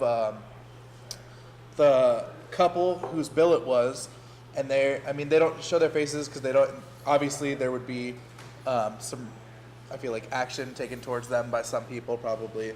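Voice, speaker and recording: A man's voice: medium pitch, fairly even intonation, moderate pace, darkish tone, a little hiss or hum. A man co-hosting a casual chat show, talking in a Valley Girl way and dropping "like" into nearly every sentence. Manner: talks in a Valley Girl way, says "like" constantly. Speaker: co-host.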